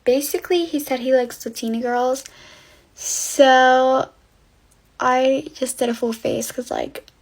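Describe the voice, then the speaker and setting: Brief: young woman, GRWM storytime, bright high voice, breathless "like"-laden gushing. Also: steady tone, slow, low-quality recording. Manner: gushing, filler-heavy valley-girl chatter. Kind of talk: get-ready-with-me storytime.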